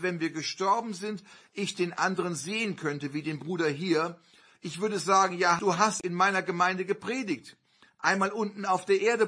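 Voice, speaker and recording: A man preaching a sermon, telling a personal story earnestly with sudden loud surges. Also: high voice, slightly rough.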